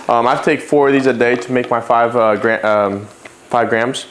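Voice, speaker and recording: A man with a middle-pitched voice chats loosely to the camera in a home fitness vlog, drifting between thoughts with frequent ums and self-corrections. His delivery is relaxed and unscripted. A faint background noise sits under the voice. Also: normal speed. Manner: rambling, loose, lots of fillers and self-corrections. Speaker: fitness vlogger. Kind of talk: casual vlog chat.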